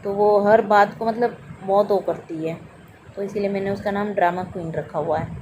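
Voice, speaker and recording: A mother recounts a frightening day with her daughter, speaking earnestly and playing out both sides of the conversation. A steady background noise runs behind her voice. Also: medium pitch, moderate pace, rough recording. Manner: earnest storytelling, acting out her own and her daughter's lines. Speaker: mother telling a personal miracle story. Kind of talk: spoken personal testimony.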